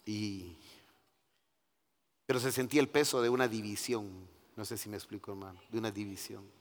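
Man, middle-aged, sermon testimony, long church reverb, quiet then emphatic, calls listeners brother. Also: lowish voice, steady tone, normal speed. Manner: swings from hushed confiding to loud emphatic preaching; keeps addressing listeners as brother. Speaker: preacher giving testimony.

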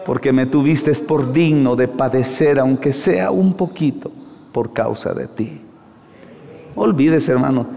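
Impassioned middle-aged preacher, echoing hall. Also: male voice. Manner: swings from low murmurs to high shouted questions; addresses listeners as brother, rhetorical questions. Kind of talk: evangelical sermon.

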